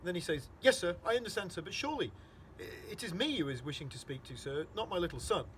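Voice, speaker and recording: A man's voice: high-pitched, expressive, fast, fairly bright tone, a little hiss or hum, voice pushed up. Man playing a nervous, overly polite storybook father; slightly raised, deferential. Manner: stammering, deferential. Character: flustered father, a respectful butler.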